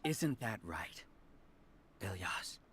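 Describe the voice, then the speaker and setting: A man's voice: deep voice, sing-song, extremely slow, fairly bright tone, slight background noise, heavily acted. A male actor playing an arrogant, zealous researcher who leads a hive-mind cult, delivering grandiose villain monologues in a video game. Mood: theatrical, probing.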